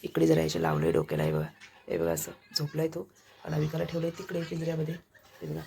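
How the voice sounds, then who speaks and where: A woman's voice: low voice, fast, creaky, dark tone, a little hiss or hum. A woman with a Konkan Marathi accent, chatting casually through a home vlog and showing things to the camera. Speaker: vlogger. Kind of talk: casual daily vlog narration. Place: family home, indoors.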